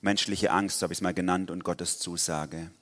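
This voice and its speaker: Male preacher, lowish voice, casual and slangy, recorded with a long hall echo. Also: steady tone, normal speed, a bit bright. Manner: casual, with slang and frequent restarts. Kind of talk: lively sermon.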